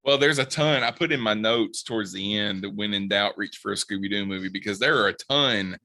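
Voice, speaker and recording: Low raspy guy tossing in quick asides, bright tone, casual chat. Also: no room sound. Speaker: podcast co-host.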